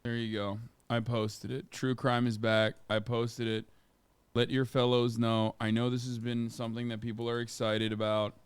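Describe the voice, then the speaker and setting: A man's voice: mid-range voice, little pitch movement, normal speed, clear, resonant tone, no room sound. A man streaming live, chatting loosely with his viewers and swearing freely. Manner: loose and profane, bursts into a mock Kiwi accent. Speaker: streamer reacting to a video. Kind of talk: casual livestream chat.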